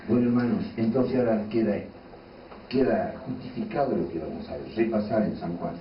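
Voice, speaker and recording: A man's voice: on the low side, moderate pace, a little hiss or hum. A man preaching a sermon in a fervent, conversational way and acting out quoted voices. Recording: distant, echoey, dull hall recording.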